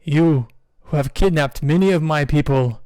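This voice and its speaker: A man playing a towering penguin king in a tabletop game, grave and commanding, with a loud and slightly raised voice. His tone is smooth, and it sounds close and dry. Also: a little high, no room sound, close to an everyday voice. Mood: solemn. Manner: slow, solemn and loud.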